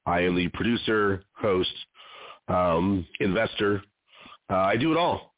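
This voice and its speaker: A man's voice: low-pitched, measured pace. A man hosting his own independent show, asking long, rambling questions in a loose, conversational way. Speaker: host and producer of an independent show. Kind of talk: interview hosting. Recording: dry, tinny phone-line sound.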